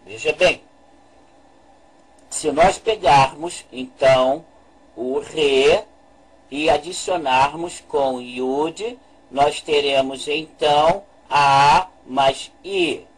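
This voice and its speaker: A man giving a slow, deliberate lesson, repeating his points and pausing over each one as he talks over a screen recording. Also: on the high side, husky, rough recording. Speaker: religious language teacher.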